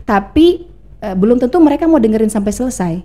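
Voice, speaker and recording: A woman's voice: a little high, lively intonation, fast, dark tone. A woman from Indonesia who is a former radio announcer, talking as a podcast guest in a chatty, explanatory way, teaching through examples. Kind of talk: casual podcast interview.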